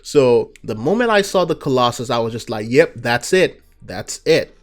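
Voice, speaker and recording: This young gaming channel host from Nigeria, with a Nigerian accent, answers viewers in a casual Q&A at a moderate pace. He talks in a mid-pitched voice, easygoing and loose, peppering his speech with fillers and "you know."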